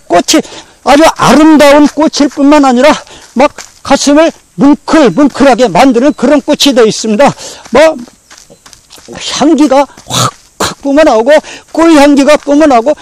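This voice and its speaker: A male pastor delivers a storytelling sermon in an unusually high voice. He repeats phrases over and over and acts out the feelings of his story in the first person. The recording is dry, with almost no room sound. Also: moderate pace, no room sound, poor audio. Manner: animated, repetitive, acting out feelings in first person.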